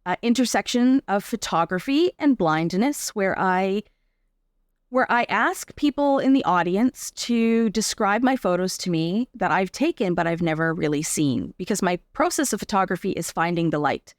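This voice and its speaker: Animated and medium-pitched at a moderate pace, a Canadian artist and arts accessibility advocate describes her work conversationally as a guest, frequently checking that the listener is following. The recording is dry and of studio quality.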